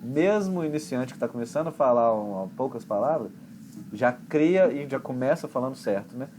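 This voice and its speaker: A man with a Brazilian accent, an English teacher explaining pronunciation in a chatty, relaxed way with homely examples. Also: mid-range voice, normal speed, a little hiss or hum. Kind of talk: conversation class explanation.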